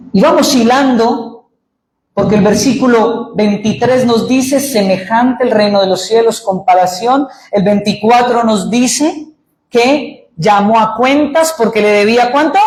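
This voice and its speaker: A Colombian man preaches a sermon with lively energy, tossing questions to his listeners and answering them himself. His voice rings through an echoey church room. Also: high voice. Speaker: pastor. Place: church sanctuary.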